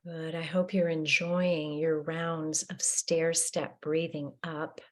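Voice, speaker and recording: A woman guides a breathing meditation in a slightly low voice, speaking very unhurriedly. Her gentle, soothing delivery stays flat, with long pauses left between cues.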